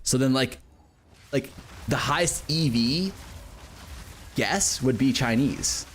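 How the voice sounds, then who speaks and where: A man's voice: medium pitch, takes it slowly, a little hiss or hum. A man streaming a game live, chatting casually, cursing and joking while he reads out chat messages.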